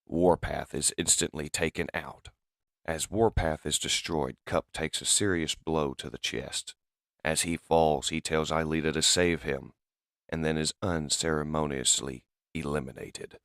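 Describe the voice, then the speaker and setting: A man narrating a comic dub in steady, descriptive storytelling. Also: rumbling low, a little slow, dry recording, studio quality.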